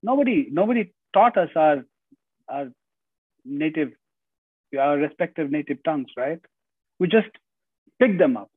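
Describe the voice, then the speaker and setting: Over a video call through earbuds, a middle-aged guest speaker with an Indian accent lectures earnestly from indoors at home. His voice is a little high, animated and slightly rough; he keeps a measured pace with long pauses, says "you know" often and restarts phrases. The audio is dry and tinny, with no room sound.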